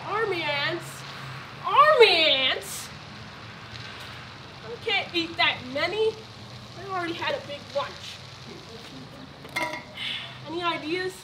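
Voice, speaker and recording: A woman's voice: very high-pitched, animated, slow pace, long pauses, heavily acted. A young-sounding female performer playing a vain, bossy, cowardly male lizard in a children's stage play, with broad theatrical delivery. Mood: pompous, pondering. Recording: distant stage recording with loud background noise.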